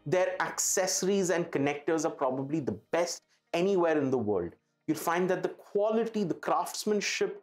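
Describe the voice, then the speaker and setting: This presenter for an audio retailer is a man with an Indian accent who shows off a product on camera with eager emphasis. His pitch is fairly high, his tone darkish, and music plays behind him.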